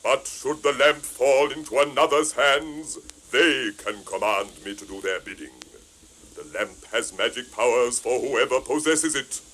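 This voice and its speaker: An actor playing a solemn, mighty genie who serves his master with slow, booming proclamations in an audio storybook. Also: fairly bright tone, a little hiss or hum, natural voice, rough recording. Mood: grand, servile. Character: grand, solemn male genie of the lamp, servile yet mighty.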